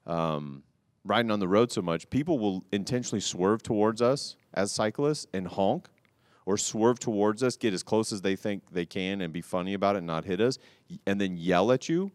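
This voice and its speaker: A man on a casual talk show, telling a rambling story with restarts and loud quoted outbursts. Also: on the low side, normal speed, dry recording. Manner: animated, rambling, restarts, quotes people loudly. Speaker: podcast co-host telling a cycling story.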